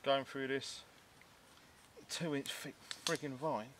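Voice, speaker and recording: A man's voice: medium pitch, fairly even intonation, takes it slowly. Blokey British man chatting, noisy outdoor recording. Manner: blokey, jokey, slangy. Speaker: outdoor bushcraft vlogger. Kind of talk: casual chat while testing a knife. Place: outdoors among trees and undergrowth.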